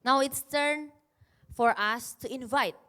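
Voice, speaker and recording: Young woman preacher, kinda high voice, chatty and keeps quizzing the crowd. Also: takes it slowly, sharp tone. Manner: conversational, quizzes the congregation with questions. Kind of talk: casual youth sermon.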